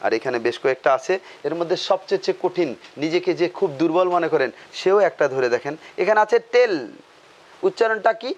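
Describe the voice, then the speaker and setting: Male teacher, grammar class, repeats terms, quizzes himself, higher voice. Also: lively intonation, brisk, dull audio, a little hiss or hum. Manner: asks questions and answers them himself, repeats key terms.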